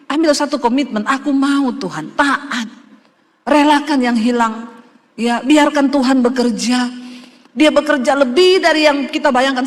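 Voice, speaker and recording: A woman's voice: sits high, fairly bright tone, in a large hall. A middle-aged woman pastor preaching a sermon. She talks in an emphatic, conversational way and speaks straight to the congregation.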